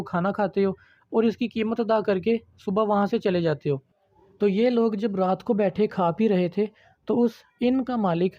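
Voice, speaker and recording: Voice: medium pitch, no room sound, highs cut off. An online literature lecturer giving a patient, step-by-step video lesson and addressing viewers as friends.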